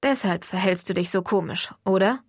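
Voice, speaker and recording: A woman reading an audiobook voices a caring teenage vampire boy, speaking softly and low in a reassuring way. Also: moderate pace, slightly rough, no echo, studio quality. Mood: tender.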